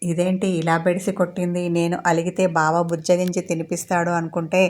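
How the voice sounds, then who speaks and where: A woman's voice: lowish voice, level tone, a little fast, a little mellow, natural voice. A woman voicing a touchy young bride who sulks and pouts in a storybook romance. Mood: sulky. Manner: sulky, pouting.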